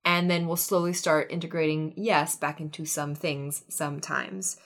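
Chatty woman podcast co-host, slightly low voice. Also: level tone, moderate pace, fairly bright tone. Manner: chatty, laughs often, repeats words for emphasis. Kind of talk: casual chat. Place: room in a house.

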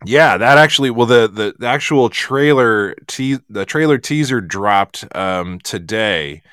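Smooth-voiced man ranting on a podcast. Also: mid-range voice, unhurried, no echo, clean studio sound. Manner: animated ranting, swears freely. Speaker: podcast host. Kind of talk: casual chat.

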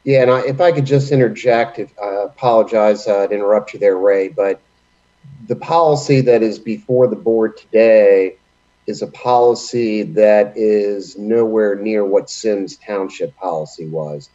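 A man's voice: on the low side, measured pace, warm tone. A man speaking politely and procedurally as an official at a formal board meeting. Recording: dull, muffled meeting audio.

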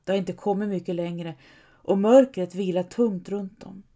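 A woman narrates a scripted story in a calm, measured way. Her voice is mellow and dark-toned. She reads at an even, unhurried pace. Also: medium pitch.

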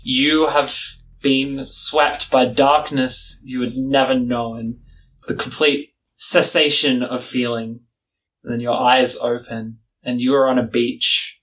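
A man narrating a tabletop game as game master, with dramatic, measured storytelling. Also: medium pitch, steady tone, fairly bright tone, slight background noise, poor audio.

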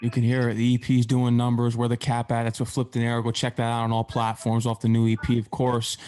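A man's voice: mid-range voice, completely flat delivery, quick pace, a little mellow. A man hosting an interview show, asking questions in an upbeat way and plugging new releases.

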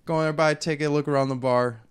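A man's voice: a little high, fairly even intonation, quick pace, clear, resonant tone. A man in casual chat with friends, telling a rambling story and swearing freely.

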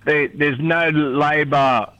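A man's voice: a little high, steady tone, slow, a bit bright. A middle-aged man with a rural North Queensland accent, chatting casually on radio in a rambling, laconic drawl. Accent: rural North Queensland Australian. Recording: dull, lo-fi radio sound.

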